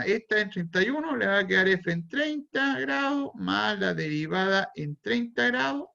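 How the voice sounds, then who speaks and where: A man with a Chilean accent lecturing on calculus in an online class. His voice sits a little high, and he restarts phrases as he works through examples and quizzes the students. The audio is dull and lo-fi. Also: vocal fry, sharp tone. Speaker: university math lecturer.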